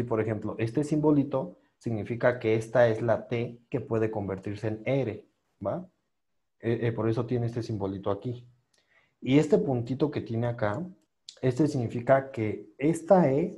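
A man teaching English pronunciation in an online class, patiently repeating sounds slowly for his students. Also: medium pitch, mellow.

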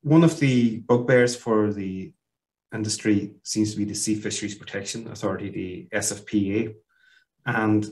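A man's voice: lowish voice, darkish tone, rough recording. A middle-aged Irish man asking loose, conversational questions as podcast host over a headset on a video call.

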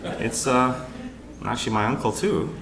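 Deadpan joking male conference emcee. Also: medium pitch, roomy sound, very noisy. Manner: wry, deadpan teasing with pauses for laughs. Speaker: panel moderator. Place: conference hall with live audience.

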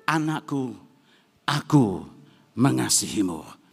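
A man acting out the voice of God as a loving father, calling out slowly and solemnly. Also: medium pitch, sing-song, vocal fry, husky, pitched below the performer's own voice, heavily acted. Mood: tender. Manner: slow, loud, solemn declaring. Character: booming voice of God, tender father.

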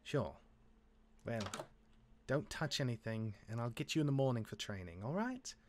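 In a Minecraft roleplay, a man voices a gruff, jaded demigod big brother who cares despite himself, speaking in a halting, exasperated way. His mid-range voice is animated and only lightly acted, with background noise behind it. He sounds instructive but reluctant.

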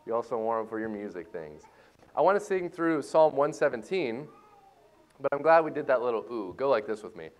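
Man, music teacher, church class, playful, joking, animated pitch. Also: brisk. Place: church hall.

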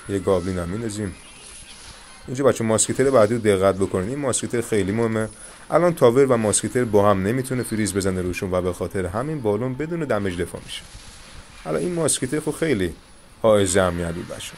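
A young man with a fairly low voice talks viewers through a mobile card battle game, calm and instructive as he explains each play. A faint hiss of noise sits under the recording. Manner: coaching viewers, calm reassurance. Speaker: gaming channel host. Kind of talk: live gameplay commentary with tips.

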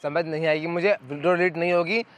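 A man's voice: on the high side, steady tone, quick pace, fairly bright tone. A young man vlogging, defiant in an argument, then talking to the camera in a reflective way. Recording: noisy outdoor street with traffic.

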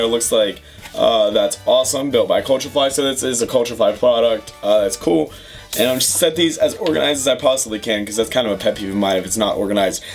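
A young man hosting a casual unboxing vlog at home, chatty and excitable, with lots of fillers and gushing. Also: mid-range voice. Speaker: YouTube host. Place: home room with puzzles on the wall.

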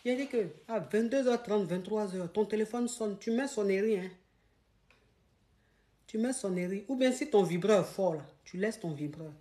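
A woman giving relationship advice in a lively, emphatic monologue, acting out scenes and repeating points for emphasis. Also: medium pitch, moderate pace.

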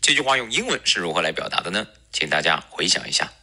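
Male English teacher, native Chinese speaker, deep bright voice, drills pronunciation with slow, drawn-out repetition. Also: sing-song, breathy edge. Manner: explains slowly, models English words with drawn-out repetition. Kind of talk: recorded pronunciation lesson.

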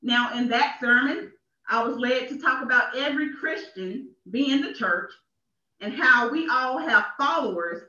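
A woman minister preaches in a small church, her high, bright voice forceful and measured as she stresses her words and repeats phrases for effect. The church livestream catches her from a distant mic, sounding echoey and dull.

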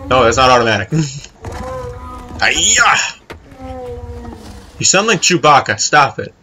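Bright-voiced man chatting through a game. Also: medium pitch, big pitch swings, measured pace, a little hiss or hum. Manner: chatty, swears freely, talks to the game character. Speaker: let's play host. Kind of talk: casual gameplay commentary.

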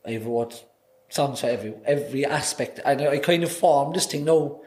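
Here a man in his thirties speaks in a mid-range, slightly mellow voice at a normal pace, his Cork accent marking him as Irish. As a singer-songwriter guest on a podcast, he chats loosely, rambling through anecdotes with lots of restarts and repeated words. He's in a small indoor podcast studio, talking into a desk mic on a boom arm.

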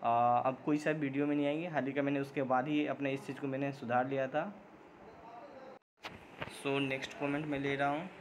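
A man's voice: medium pitch, level tone, a little hiss or hum, poor audio. Rambling man answering viewer comments. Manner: rambling, many filler sounds and restarts, mixes English words into Hindi; admits he sometimes talks too fast. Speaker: job-update channel host.

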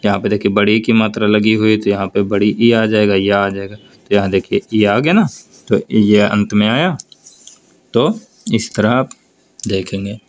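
Speaking with a North Indian Hindi accent, a man with a fairly low, steady voice takes students through grammar for their board exams. He goes slowly and deliberately, stretching out the example words and repeatedly urging the class to look and respond.

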